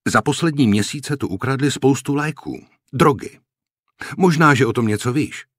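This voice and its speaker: A man's voice: deep voice, expressive, creaky, a bit bright, husky, no room sound, exaggerated voice. Man doing a bitter young British officer in an audiobook, hard, clipped commands, dry close sound. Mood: accusing. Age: young adult. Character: young British officer, camp police chief, bitter and stern.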